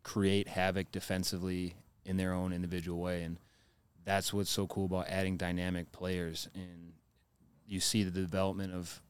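A man's voice: low voice, normal speed, clear, resonant tone. A man, a football player, chatting casually on a podcast and telling stories with energy. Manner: animated storytelling, laughing.

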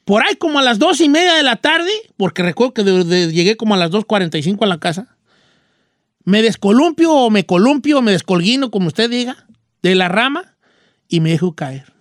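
A man's voice: sits high, very animated, fairly quick, a bit bright, no echo, clean studio sound. A man putting on a folksy old rancher character with a Mexican accent, a radio host telling a rambling story and giving advice. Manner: rambling, folksy, full of rural slang. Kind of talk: storytelling and advice on a call-in show.

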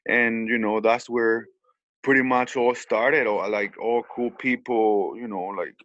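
A man's voice: mid-range voice, steady tone, a little slow, a bit bright, no room sound, lo-fi sound. A man from Mexico with a Mexican Spanish accent, speaking English as a second language, telling his story in an interview with many restarts and repeated words. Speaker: hat maker.

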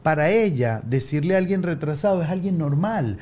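A man, a podcast guest telling stories in lively casual conversation, acting out voices as he goes. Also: fairly high pitch, moderate pace. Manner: animated storyteller, acts out quoted voices. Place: recording studio.

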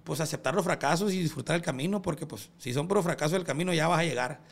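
A man's voice: on the high side, fast, creaky. A man with a Sinaloan Mexican accent in casual, motivational conversation as a podcast guest, using slangy, sweary street talk. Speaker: podcast guest, music label representative.

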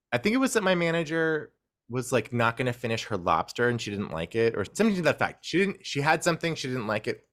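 A man's voice: mid-range voice, fairly bright tone. A man guesting on a podcast, telling rambling stories in casual chat, often breaking off and restarting his sentences. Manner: rambling storyteller, self-interrupting.

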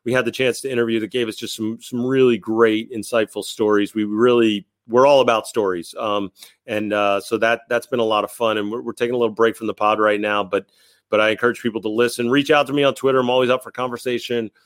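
A man's voice: medium pitch, flat delivery, fast, no room sound. A man, likely in his thirties, telling stories as a podcast guest in a casual, rambling, enthusiastic way, often repeating words. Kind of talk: casual interview storytelling.

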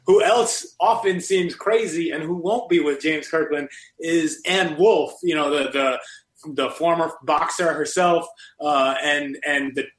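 Male podcast co-host, casual, halting delivery, higher voice, roomy echo. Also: fairly bright tone. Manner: halting, many restarts and fillers. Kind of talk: casual sports chat.

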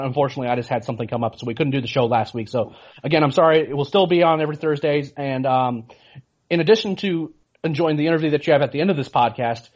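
A man's voice: medium pitch, darkish tone. A man hosting a sports podcast in casual chat, rambling with lots of fillers and restarts. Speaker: podcast host. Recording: dull lo-fi sound.

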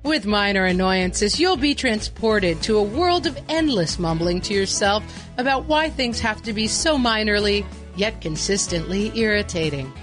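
A woman puts on a mock-earnest announcer for a spoof commercial. She has a deadpan, salesy delivery at middle pitch over faint music. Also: normal speed, lightly acted. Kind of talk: scripted parody ad narration.

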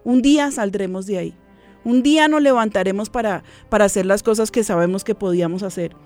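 A woman, a guest on a program, giving an earnest, reflective personal faith testimony and sometimes dropping to a soft voice. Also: mid-range voice, a little fast, faint music behind.

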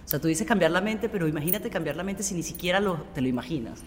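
A woman's voice: lowish voice, expressive, fast, in a large hall, a little hiss or hum. Woman host asking winding questions. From Venezuela. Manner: asks long, winding questions. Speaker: host, interviewer. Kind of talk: casual interview chat.

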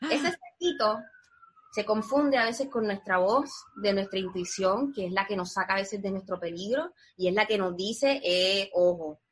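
A woman's voice: medium pitch, lively intonation, normal speed, husky. A woman guest in a conversational interview, talking earnestly and reflectively, explaining things step by step.

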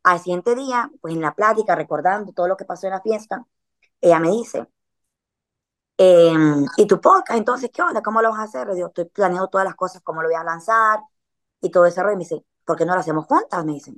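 A woman's voice: fairly low pitch, expressive, fairly quick. A woman, chatting casually as a podcast guest and telling a story in a slangy way, with frequent filler words.

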